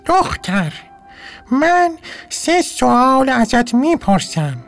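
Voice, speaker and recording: A man voicing a small, round, pompous doll king with a thin, high voice, speaking in a stern, commanding way. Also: very animated, a bit bright, soft background music, exaggerated voice. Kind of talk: storybook narration.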